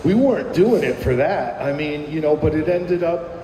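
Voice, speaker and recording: This New Jersey man, a middle-aged musician guest, speaks at a normal speed in a fairly high, expressive and mellow voice, with a little hiss or hum on the track. He rambles through his memories in the interview, full of fillers and false starts, and the room echoes with long reverb.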